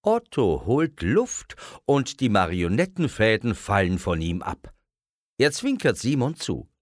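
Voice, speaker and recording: A man reading a children's story aloud in an expressive storyteller style. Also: lowish voice, a little slow, dry recording, studio quality. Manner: expressive, acts out voices.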